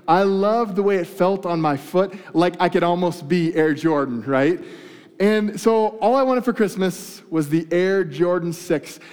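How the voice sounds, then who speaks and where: High, smooth-voiced man teasing a crowd. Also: a little mellow. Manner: playful, teasing the audience. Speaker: speaker addressing a live audience. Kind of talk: lively storytelling talk to a crowd. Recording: long hall reverb.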